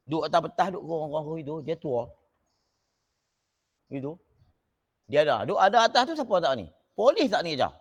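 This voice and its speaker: This man, a religious teacher, shares a lively story during an online lesson, and his slightly high voice jumps up each time he gets excited.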